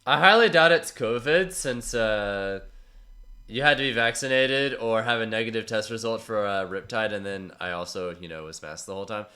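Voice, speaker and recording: This man's fairly low voice is stuffy with a cold as he talks at a normal pace while analyzing tournament matches on stream. He chats casually and rambles, reading his viewers' messages aloud.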